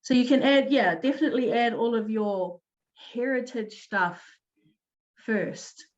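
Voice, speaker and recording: A woman presenting an online teaching talk, explaining in an upbeat way with quick restarts. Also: fairly high pitch, lo-fi sound.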